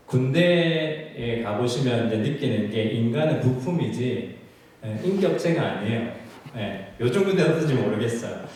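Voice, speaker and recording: A male pastor telling a personal story in a sermon, acting out his own past prayers with lively storytelling. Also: mid-range voice. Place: church sanctuary. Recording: echoey church hall from far off.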